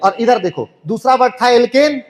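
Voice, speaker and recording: Casting: a man as a joking chemistry tutor, high voice, online class. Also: lively intonation, a little fast. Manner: playful, jokey, full of rhetorical questions. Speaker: chemistry teacher.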